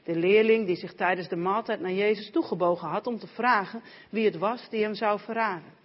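A woman's voice: medium pitch, brisk. A woman interpreting a sermon and then reading scripture aloud in a church. Her voice carries a long hall reverb. The recording sounds dull and lo-fi.

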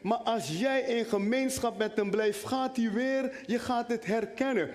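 A male preacher delivers an animated sermon and keeps turning to speak directly to the people in front of him. His voice sits high for a man. The sound rings with the long reverb of a church hall. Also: unhurried. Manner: animated, talks directly to the congregation.

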